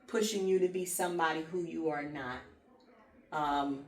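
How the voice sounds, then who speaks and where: A woman co-hosting a casual advice chat, speaking earnestly and pausing on fillers as she makes her points. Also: low voice. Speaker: podcast co-host. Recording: echoey room, mic at a distance, faint noise.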